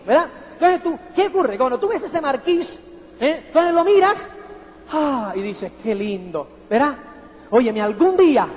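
A man giving a motivational talk to an audience, animated and theatrical, often checking in with "do you understand me?". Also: very high-pitched. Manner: animated, theatrical, asks "¿me entiendes?" constantly. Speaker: motivational speaker. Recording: dull sound with long hall reverb.

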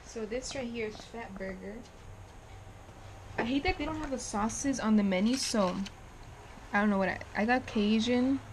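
A woman's voice: on the high side, moderate pace, pauses often, background noise. A drunk young woman vlogging on her phone in a rambling, casual way, swearing and laughing often. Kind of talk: casual vlog chat.

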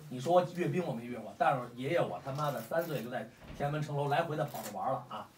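A man's voice: mid-range voice, lively intonation, fast talker, a little hiss or hum. A man in his forties with a Beijing accent, talking bluntly and heatedly to a crowd of fans, swearing often. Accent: Beijing Mandarin. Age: 40s. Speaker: fight fan meetup host. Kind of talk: casual talk to a crowd. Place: room with a gathering of fans. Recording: echoey room, mic at a distance.

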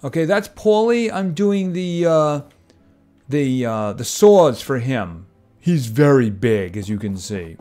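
Chatty streamer man with lively pitch. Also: takes it slowly. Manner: chatty, wry asides. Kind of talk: casual gameplay commentary. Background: game music.

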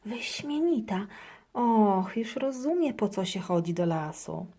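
A timid little storybook hamster grumbles and frets in a squeaky, high voice, as a woman reader puts him on. Words come slowly and a touch breathy. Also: expressive, mellow. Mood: grumbling. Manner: fearful, grumbling.

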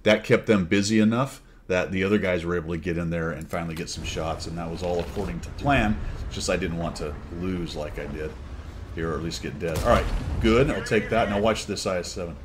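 Deep-voiced man commenting on gameplay. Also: a little fast, background noise. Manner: chatty, wry, exclaims and laughs at plays. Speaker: gaming channel host.

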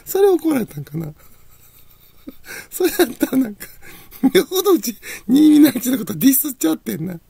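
A woman's voice: high voice, very animated, a little fast, vocal fry, pauses often, warm tone, husky, no room sound. A woman with a Kansai accent telling a rambling personal story, laughing often between phrases. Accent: Kansai Japanese. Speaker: channel host.

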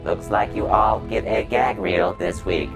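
A sarcastic robot host, as a man puts it on, droning in a deadpan robotic monotone with a lowish voice. Loud music plays behind him throughout. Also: a little slow, creaky.

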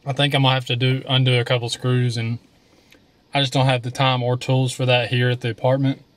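A young man hosting a casual car vlog, talking in a relaxed, rambling way with many fillers while working inside a parked car. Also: medium pitch, fairly quick, no room sound. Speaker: car vlogger.

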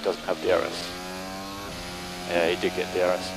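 A man works as race engineer, relaying short, matter-of-fact instructions over race car radio. His voice is low, with obvious vehicle noise on the channel. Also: monotone, moderate pace. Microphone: radio headset.

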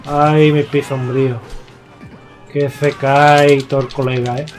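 A young man with a Spain Spanish accent giving excitable, foul-mouthed live gameplay commentary, yelling at his opponents. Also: mid-range voice, unhurried. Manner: excitable, swears a lot, yells at opponents. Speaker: gaming YouTuber. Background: faint game music.

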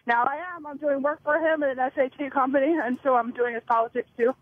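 High-voiced woman caller on tinny phone. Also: steady tone, fast talker, husky, dry recording. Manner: rambling, self-correcting. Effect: phone line, speakerphone then cell phone. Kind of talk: casual call-in chat.

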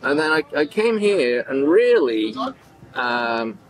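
A man's voice: fairly high pitch, slow pace, poor audio. A man in his forties with a Manchester accent, a podcast guest telling stories animatedly and acting out the voices in them. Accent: Manchester English. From Manchester, England. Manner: animated, acts out quoted dialogue, gestures widely. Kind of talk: casual storytelling interview. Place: indoor event backdrop at a farmers market.

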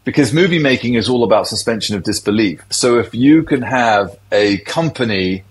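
A man's voice: medium pitch, lively intonation, moderate pace, low-quality recording. A middle-aged man, a tech industry guest, explaining things in a loose, conversational interview.

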